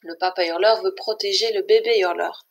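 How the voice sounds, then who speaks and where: A woman reading a children's story aloud for language learners, in a clear, measured way. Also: medium pitch, fairly even intonation. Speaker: reader.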